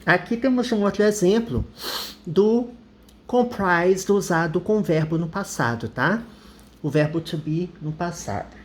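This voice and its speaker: A Brazilian woman teaching English vocabulary, who reads her example sentences slowly and carefully. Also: fairly low pitch.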